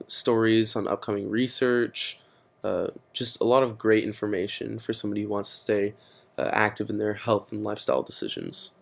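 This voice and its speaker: Explaining steps in a laid-back screen recording of a computer tutorial, a teenage boy uses lots of fillers. He has a lowish voice with noticeable vocal fry.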